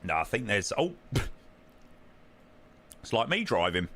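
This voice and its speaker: A man's voice: on the low side, sing-song, a little slow, fairly bright tone. A British man chatting casually on a flight simulator livestream, informal and matey in manner.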